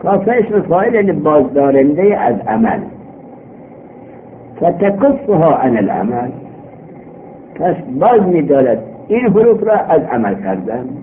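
A man's voice: on the high side, very animated, long pauses. A male teacher giving a classroom grammar lesson, explaining step by step and quizzing his students, heard on an old worn tape recording. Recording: tinny old tape with hiss.

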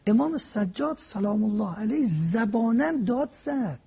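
A man's voice: very high-pitched, lively intonation, vocal fry, breathy edge. A man giving a religious talk on a TV program, laying out his points one by one with emphatic rhetorical questions. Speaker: religious guest speaker. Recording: dull lo-fi broadcast sound.

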